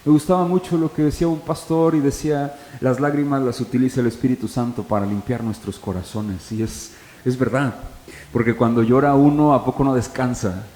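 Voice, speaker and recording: A man's voice: medium pitch, steady tone, brisk, warm tone. Man preaching in an echoey church hall. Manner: conversational preaching with rhetorical questions to the congregation. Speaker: pastor. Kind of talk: sermon. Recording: echoey hall, faint ambience.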